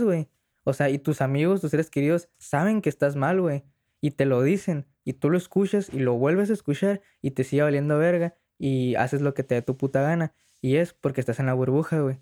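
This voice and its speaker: A man's voice: medium pitch, dark tone. A young man, hosting a casual, slangy conversation as the interviewer.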